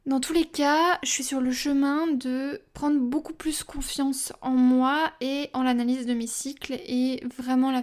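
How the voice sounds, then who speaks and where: Young woman, high voice, chatty podcast host, casual asides and fillers. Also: a little mellow.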